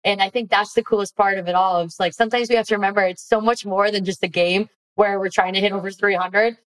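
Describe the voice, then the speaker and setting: A young woman, a former college softball player, hosting a podcast with upbeat, encouraging chat. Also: medium pitch, fairly even intonation, quick pace, poor audio. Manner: upbeat, encouraging, reads ad lines. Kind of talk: casual interview chat.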